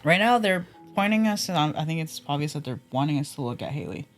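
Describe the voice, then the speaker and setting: A man's voice: on the high side, expressive, quick pace, a bit bright, soft background music. A man giving casual game commentary as he reasons through a mystery. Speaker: player discussing a mystery game.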